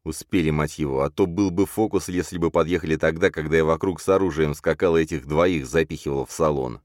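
A man reading a first-person crime thriller audiobook, with a low, dry voice that leaps up sharply for shouted threats. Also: brisk, no echo. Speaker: audiobook narrator.

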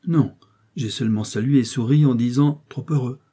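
A man reading aloud voices a blunt, easygoing young gentleman with offhand, brusque retorts. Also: medium pitch, normal speed, slightly rough, voice pushed up, lightly acted. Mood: dismissive.

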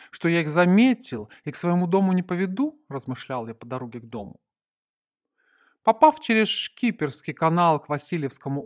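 Expressive male audiobook narrator. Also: on the high side.

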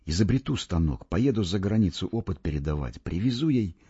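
Earnest, flustered young lad, read by a male narrator, lively, with a dull lo-fi sound. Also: low-pitched, a little fast, slightly rough, no room sound, heavily acted. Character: eager, awkward young working lad in love. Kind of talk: audiobook reading.

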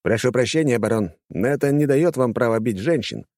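A man's voice: medium pitch, animated, a little fast, a little mellow, no room sound, clean studio sound, pitched above the performer's own voice, lightly acted. A man voicing a formal, courteous gendarme in an audiobook. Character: polite stiff male gendarme. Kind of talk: audiobook character voice.

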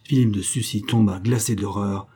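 A man reading a classic novel aloud as an audiobook narrator, in a measured and even literary style. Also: on the low side, husky.

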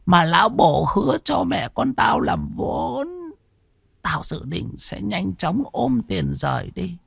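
A man's voice: sits high, creaky, fairly bright tone, slightly rough, no echo, heavily acted. A man voicing a vengeful, scheming old village woman who hisses and drops into whispers in an audio storybook. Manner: bitter, hissing, swings into whispers.

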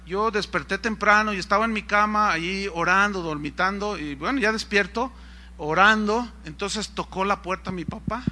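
A man's voice: high-pitched, moderate pace, pushed and bright. A preacher voicing a resentful young man. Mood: earnest. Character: young man, resentful worship leader son.

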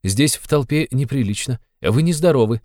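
A man's voice: medium pitch, animated, moderate pace, a little mellow, no echo, studio quality, voice pushed up, lightly acted. A man reading an audiobook, voicing a polite, fussy clerk who speaks soothingly and deferentially. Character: polite, fussy middle-aged male clerk.

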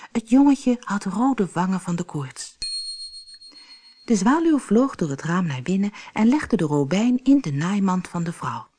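Audiobook reader: woman, low voice, calm fairy-tale storytelling, soft music underneath. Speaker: narrator. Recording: faint music behind the voice.

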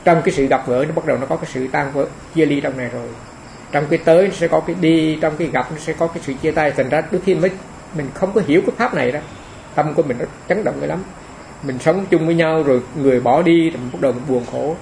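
Man, fairly high gravelly voice, homely dharma talk that circles back on its phrases. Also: quick pace, a little mellow, slight background noise, low-quality recording. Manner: homely, repeats phrases for emphasis. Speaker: monk giving a dharma talk.

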